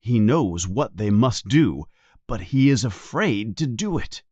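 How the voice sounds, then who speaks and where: A man narrating a children's storybook aloud in an expressive, unhurried way. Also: lowish voice, breathy edge, no room sound, muffled recording.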